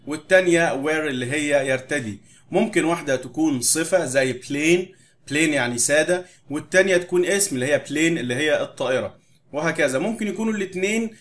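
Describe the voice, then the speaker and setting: A young adult man with an Egyptian Arabic accent, explaining English vocabulary in a casual register and drilling words slowly and loudly for children to repeat. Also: fairly high pitch. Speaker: English teacher. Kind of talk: recorded vocabulary lesson for primary pupils.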